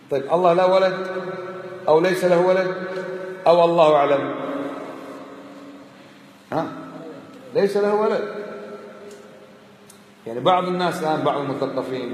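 A man giving a religious lesson, pressing his listeners with insistent rhetorical questions. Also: on the high side. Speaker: religious teacher. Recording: echoey hall, faint background noise.

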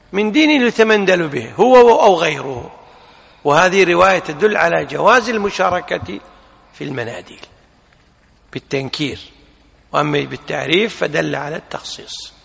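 A man with a fairly high, bright and gravelly voice teaches a religious lesson. He explains a text in a measured way and slows down to weigh single words. The sound is muffled and carries a long hall reverb. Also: expressive. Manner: measured explanatory delivery, slows to stress word forms. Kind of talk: hadith lesson commentary.

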